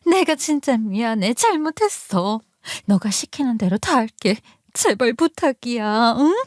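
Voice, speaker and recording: A woman's voice: a little high, expressive, unhurried, no echo, clean studio sound. A woman doing a sneering spoiled sister-in-law. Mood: pleading. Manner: mocking, then pleading.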